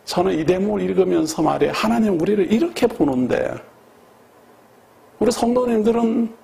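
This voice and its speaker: With a high-pitched, mellow, creaky voice, a pastor delivers an animated sermon at a moderate pace. He speaks emphatically and conversationally, repeats key words for emphasis, and asks the congregation questions.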